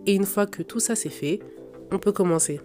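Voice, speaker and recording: A young woman hosts a podcast while sick with a cold and sore throat, her blocked nose giving her medium-pitched voice a congested, nasal sound. She talks at normal speed in a warm tone, offering casual, direct advice to her listeners. Faint music plays in the background.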